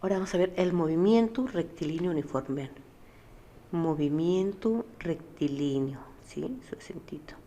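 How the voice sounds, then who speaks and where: A woman teaches a physics lesson in a low, mellow voice. She explains each step patiently and keeps checking in with her students. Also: expressive, fairly quick, few pauses. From Mexico.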